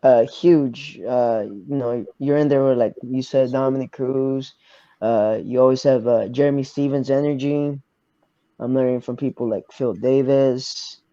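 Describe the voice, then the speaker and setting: A young man from Arkansas, a fighter answering interview questions quietly, pausing to search for words. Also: mid-range voice, steady tone, no room sound, highs cut off. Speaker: MMA fighter, guest. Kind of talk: casual interview.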